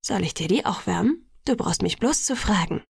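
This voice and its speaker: A woman's voice: mid-range voice, expressive, moderate pace, gravelly, breathy edge, dry recording, studio quality, full character voice. Woman voicing a smug, teasing young man. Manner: smug and playful. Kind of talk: audiobook reading.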